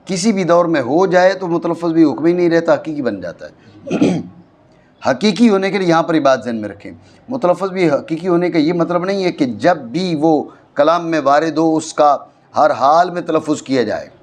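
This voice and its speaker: A man with a Pakistani Urdu accent teaching a classroom grammar lesson, explaining slowly and often checking that his students follow. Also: on the high side, expressive. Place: madrasa classroom.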